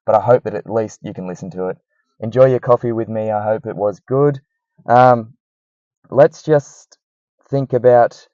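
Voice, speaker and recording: A man's voice: on the low side, warm tone, dry recording. A man giving casual coaching advice to listeners, informal and thinking aloud, recorded on a cheap microphone. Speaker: running coach hosting a talk. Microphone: cheap microphone, close and dry. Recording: dull, lo-fi cheap microphone sound.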